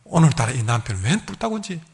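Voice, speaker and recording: A male pastor with a Gyeongsang accent, preaching a sermon as a lively storyteller who acts out the people in his stories. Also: mid-range voice, quick pace, vocal fry. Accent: Gyeongsang Korean. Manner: lively storyteller, acting out quoted dialogue.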